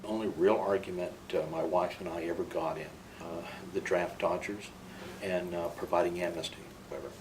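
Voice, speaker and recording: Picked up by a distant mic in a room with obvious noise, this older man's low voice runs a little fast and holds a steady tone. He is a military veteran looking back on his life during an interview, and his opinions come across forcefully.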